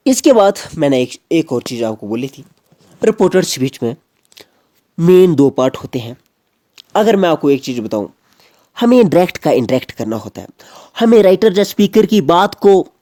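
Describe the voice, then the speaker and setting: A man's voice: fairly high pitch, warm tone, no room sound, studio quality. A man teaching a grammar lecture, explaining step by step and repeating key phrases.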